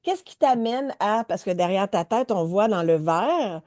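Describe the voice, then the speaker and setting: A woman with a Quebec French accent, a coach hosting an interview and chatting casually, pitching her program with frequent hesitations. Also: animated, a little slow, darkish tone, no echo, clean studio sound.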